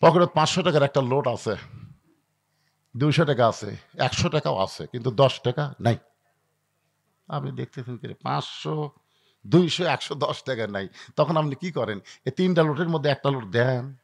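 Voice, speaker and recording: A man's voice: mid-range voice, expressive, normal speed, vocal fry, long pauses, husky. A man, preaching a waz sermon to a crowd, acting out dialogues and calling for the crowd to answer. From Bangladesh. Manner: dramatic storytelling, acting out dialogues, calling for audience responses.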